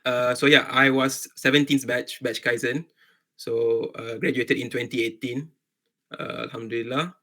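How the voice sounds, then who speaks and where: A young adult man with a Malaysian accent, a medical doctor appearing as a guest speaker, gives an informal online talk to students. His medium-pitched voice is bright and forceful, with fairly even intonation and a moderate pace. He often repeats words and rephrases as he goes.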